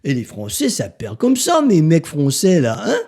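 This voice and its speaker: A man's voice: fairly high pitch, huge pitch swings, normal speed, a little mellow. A man with a Québécois accent hosting a podcast, speaking bluntly and sarcastically to the listener, with profanity. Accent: Québécois French. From Quebec. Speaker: podcast host. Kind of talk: motivational podcast monologue.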